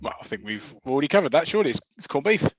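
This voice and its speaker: A man making dry, deadpan jokes in a podcast chat. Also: on the high side, very fast, no room sound, muffled recording.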